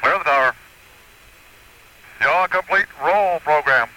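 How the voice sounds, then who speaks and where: A man's voice: a little high, slow pace. Man on a crackly space radio link. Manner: clipped, flat procedural calls. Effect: crackly space radio transmission. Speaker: astronaut. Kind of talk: terse radio callouts. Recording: noisy archival radio link.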